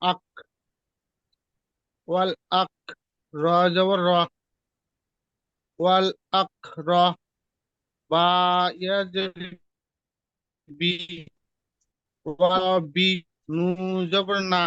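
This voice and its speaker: A man's voice: sits high, little pitch movement, fairly bright tone, no echo. A male student in an online class, spelling out a Quran reading letter by letter over a network call that keeps breaking up. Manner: slow, halting letter-by-letter reading. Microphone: phone or computer on a video call. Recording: muffled, distant internet call audio.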